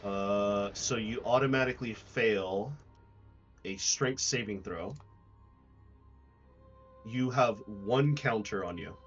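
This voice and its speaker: A man narrating a tabletop role-playing game as game master, describing scenes deliberately with dramatic pauses. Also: on the low side, lo-fi sound, faint music behind.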